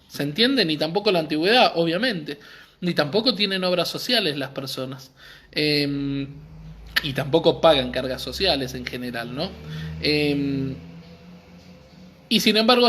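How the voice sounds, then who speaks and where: A man's voice: high-pitched, sharp tone. A man with an Argentine accent giving an earnest, explanatory live-streamed talk, often checking in with his listeners. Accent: Argentine Spanish. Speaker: community library speaker.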